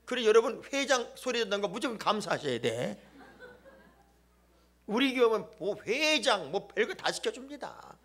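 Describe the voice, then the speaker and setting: A man preaching a sermon as a church pastor, joking and emphatic, swinging between loud exclamations and hushed asides. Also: high-pitched, sing-song, normal speed. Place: church sanctuary.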